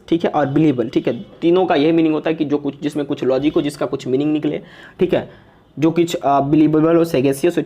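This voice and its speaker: A young man with a high, warm voice teaches English vocabulary in a casual online lesson. He's chatty, jokes and teases, and says "okay" after nearly every phrase.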